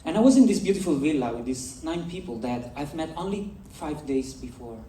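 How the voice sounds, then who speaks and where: An Italian man with an Italian accent gives a storytelling keynote on a festival stage, speaking straight to the audience. His voice is fairly high and dark-toned, brisk and lively in intonation, with slight background noise. The conference speaker is heard from far off in an echoey hall.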